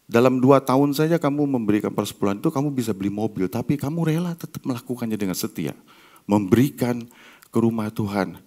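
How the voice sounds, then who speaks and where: A middle-aged man with an Indonesian accent, preaching a sermon to his congregation with animated swings between loud outbursts and hushed passages. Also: medium pitch. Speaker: pastor.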